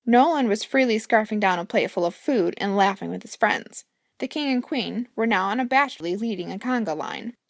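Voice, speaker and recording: A woman's voice: mid-range voice, a little fast, no echo, clean studio sound. A woman, the author, reading her own fairy-tale audiobook, playful and speaking asides to the listener. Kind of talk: audiobook narration.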